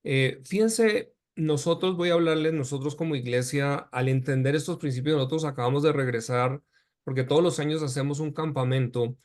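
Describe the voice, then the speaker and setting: Earnest pastor, slightly high voice. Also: male voice. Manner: earnest, preaching cadence with rhetorical questions. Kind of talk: church talk show conversation.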